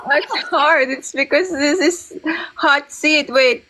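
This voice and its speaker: A woman's voice: high-pitched, slow pace, sharp tone, poor audio. A woman from the Philippines with a Filipino accent, a guest on a livestream, hesitantly searching for her words in a mix of Filipino and English. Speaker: interview guest. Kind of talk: casual livestream interview.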